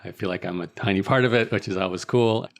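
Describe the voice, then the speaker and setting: Deep-voiced Australian-born male host. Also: quick pace. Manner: chatty, rambling with restarts and laughs. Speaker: podcast host. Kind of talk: casual interview chat.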